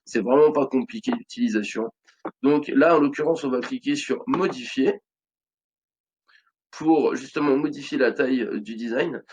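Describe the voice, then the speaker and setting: A man's voice: mid-range voice, moderate pace, darkish tone, muffled recording, a little hiss or hum. French man explaining a screen tutorial. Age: 30s. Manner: casual, chatty, many fillers and restarts. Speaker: online business tutorial host. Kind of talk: screen-recorded tutorial walkthrough.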